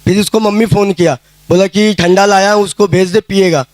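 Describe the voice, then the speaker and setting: A man's voice: sits high, fairly even intonation, fairly quick, no room sound. A man giving a casual spoken testimony at a prayer meeting, telling his story plainly and acting out the dialogue he quotes. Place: prayer hall.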